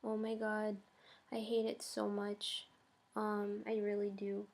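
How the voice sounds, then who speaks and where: A woman's voice: mid-range voice, monotone, slow pace, darkish tone. A young woman chatting casually in her first vlog, hesitant and full of ums and likes. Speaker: vlogger.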